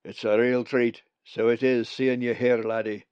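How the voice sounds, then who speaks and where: A man voicing a warm old male raven with a Scottish accent and a broad, cheerful brogue. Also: mid-range voice, flat delivery, moderate pace, clear, resonant tone, dry recording, close to an everyday voice. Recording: dull dry lo-fi recording.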